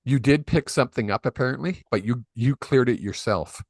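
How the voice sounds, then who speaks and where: Speaking a little fast in a mid-range voice with no echo, a man hosts a live psychic reading stream. As the medium, he chats casually and rambles, filling his talk with fillers, through a desk microphone on a video call.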